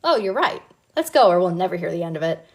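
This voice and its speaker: A woman's voice: on the low side, very animated, fast talker. A woman reading aloud and voicing a smiling, dangerous young man with a sing-song manner. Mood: bright. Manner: sing-song, unsettlingly bright. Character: menacing cheerful young man.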